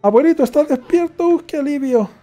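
Give me a high-voiced, anxious young girl as a man puts her on from a video game, pleading and eager, her voice soft and mellow with faint game music behind. It stays lively and bright-eyed. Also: brisk. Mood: relieved.

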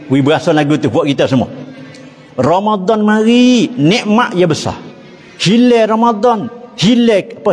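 A man with a Patani Malay accent preaching an Islamic sermon in a mosque, a lively storyteller who chuckles and chants Arabic phrases. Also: high voice, slightly rough, in a large hall. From southern Thailand. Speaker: religious teacher.

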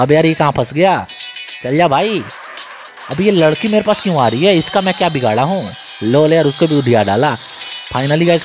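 A young man, giving casual, excitable, joking commentary on a video game as he plays and talks to his viewers. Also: on the high side. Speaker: gaming YouTuber.

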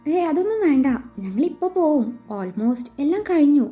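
A woman's voice: high voice, very animated, moderate pace, warm tone, pitched above the performer's own voice. A woman voicing a shy young bride-to-be who jokes about herself in a read-aloud story. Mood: wry. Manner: wry, self-deprecating. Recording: slightly dull with faint music.

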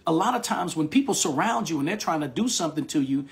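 A male pastor with a scratchy, hoarse voice, giving an earnest prayer and sermon with repeated thanks and frequent restarts. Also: fairly high pitch, animated, quick pace. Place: remote online service, outside the church building.

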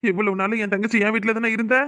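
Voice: medium pitch, little pitch movement, racing, a bit bright, close to an everyday voice. A performer voicing a grieving young village man in a cartoon, pleading and indignant. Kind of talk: cartoon voice acting.

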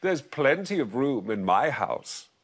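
A man voicing a fussy, flustered little old woman who wails and pleads in a high voice. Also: big pitch swings, unhurried, breathy edge, faint music behind. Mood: pleading.

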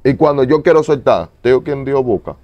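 A man in an interview giving a fervent, repetitive testimony, moving between loud pleading and low murmurs. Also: expressive, a little fast, no echo, highs cut off. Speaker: evangelist guest.

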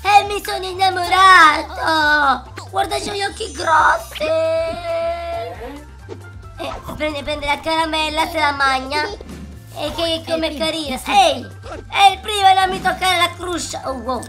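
A man voicing an excitable, dramatic little boy who squeals, shouts and sings out, in a gaming reaction video with game music behind. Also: extremely high pitch, takes it slowly. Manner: squealing, shouting and sing-song outbursts. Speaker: YouTuber.

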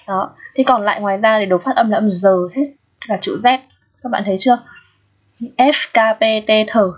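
Husky-voiced woman teacher, patient and checking in. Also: fairly high pitch. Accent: Vietnamese. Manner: patient, checks in often with the class. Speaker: English teacher. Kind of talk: explaining an exam, step by step. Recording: dull lo-fi audio.

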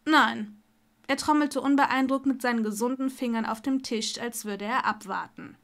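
A woman reading fan fiction aloud as an audiobook narrator, steady and expressive. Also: a little high, normal speed. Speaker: audiobook reader.

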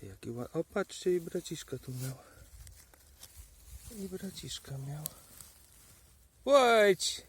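A man foraging in a forest outdoors, playfully talking to the mushrooms he finds as if they were pets, sometimes dropping to a hushed murmur. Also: on the high side, expressive, a little slow, long pauses, slightly rough. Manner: drops to hushed murmurs now and then. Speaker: vlogger. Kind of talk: casual narration while foraging.

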